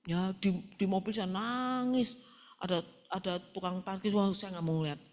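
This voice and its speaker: A woman's voice: medium pitch, normal speed. A middle-aged woman pastor preaching a sermon, telling stories with quoted dialogue in a colloquial style and often addressing the congregation directly. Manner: animated storytelling with quoted dialogue.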